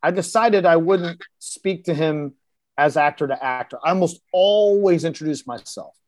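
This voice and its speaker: A man's voice: on the high side, moderate pace, darkish tone, no echo. A man, an actor guest on a podcast, telling a vivid behind-the-scenes anecdote in a casual, blunt way and acting out the dialogue he quotes. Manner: vivid anecdote-teller who acts out quoted dialogue in shifting voices; casual and blunt, with occasional swearing. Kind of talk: storytelling in a podcast interview.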